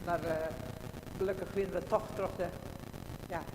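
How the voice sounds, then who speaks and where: A woman's voice: on the low side, level tone, normal speed. A woman with a Frisian accent speaking as a pastor, addressing and praying with a congregation in a church service. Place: large indoor church. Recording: echoey church hall, long reverb, background noise.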